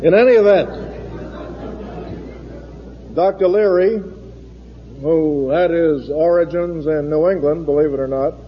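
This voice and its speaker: A man's voice: on the high side, measured pace, pauses often, slight background noise. A man chairing a forum, giving a formal introduction with dry joking asides, his voice echoing through a big hall. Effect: big hall echo. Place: large lecture hall. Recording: lo-fi archival recording, long hall reverb.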